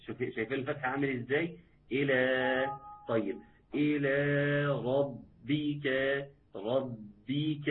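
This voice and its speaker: A man with an Egyptian Arabic accent teaching Quran recitation in a live online lesson, patiently repeating words and quizzing his viewers. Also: medium pitch. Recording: tinny phone-like line.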